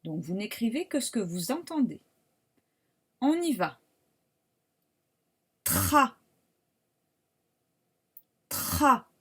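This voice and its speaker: Sounding out each syllable carefully, a French-accented woman teaching primary school gives a slow, patient syllable dictation during a remote phonics lesson. She speaks a little high in a sing-song way, and her tone is slightly mellow and husky.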